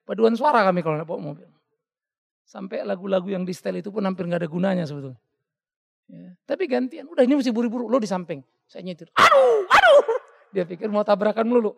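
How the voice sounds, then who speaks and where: A man preaching a sermon as a pastor, animated and joking, acting out the voices of the people he quotes. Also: sits high, fast talker, vocal fry, in a large hall.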